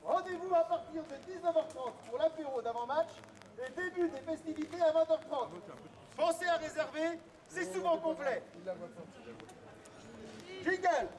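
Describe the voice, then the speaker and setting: Very high-pitched male town crier, declaiming outdoors. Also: normal speed, long pauses, a little mellow. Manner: declaimed, projected public crying. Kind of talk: town crier proclamation, reading out messages and announcements to a street crowd. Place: outdoors in an urban street. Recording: outdoor street recording with crowd. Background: crowd and street sounds.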